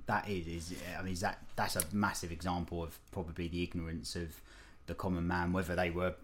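A man with a low, deep voice hosts a relaxed interview. He speaks informally and haltingly, often repeating his words. There is slight noise behind him. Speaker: interviewer, podcast host. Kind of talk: casual interview chat. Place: guest's home in London.

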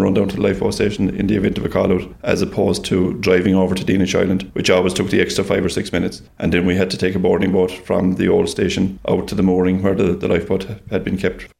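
A man's voice: low-pitched, vocal fry, darkish tone. A man with a southwest Irish accent explaining lifeboat work in an interview in a matter-of-fact way. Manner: matter-of-fact, repeats points for emphasis. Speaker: lifeboat crew member.

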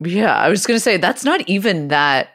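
Low-voiced woman co-host, wry. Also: sing-song, moderate pace, fairly bright tone, dry recording, clean studio sound. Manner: laughing, wry. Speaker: podcast co-host. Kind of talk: casual podcast banter.

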